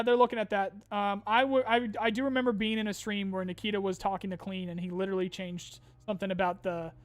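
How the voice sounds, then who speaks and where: Slightly worn out and with his voice getting strained, a man chats casually on stream in a high voice. He reads questions from his viewers aloud and answers them loosely, leaning on fillers.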